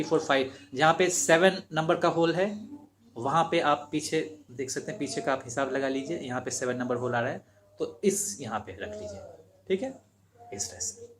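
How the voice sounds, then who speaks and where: A man's voice: on the high side, slight background noise. A man teaching beginners harmonica, explaining patiently and repeating each step as he demonstrates. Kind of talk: instructional demonstration.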